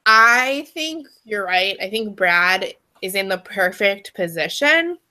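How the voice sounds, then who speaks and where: A woman's voice: mid-range voice, expressive, takes it slowly, sharp tone. A young woman co-hosting a podcast, chatting casually and emphatically with lots of fillers. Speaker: podcast co-host. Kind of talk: casual chat.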